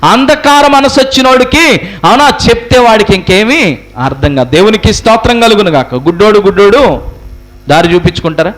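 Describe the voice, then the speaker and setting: High-pitched guy preaching, keeps asking the crowd questions and saying stuff twice. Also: expressive, fairly quick, poor audio. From India. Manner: preaching with many rhetorical questions to the congregation; repeats phrases for emphasis. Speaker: pastor. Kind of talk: sermon.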